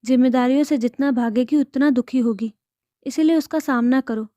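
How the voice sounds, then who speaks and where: A woman voicing a gentle worried mother. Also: high voice, normal speed, no echo, close to an everyday voice. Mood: advising. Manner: soothing, gently coaxing. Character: worried caring middle-aged mother.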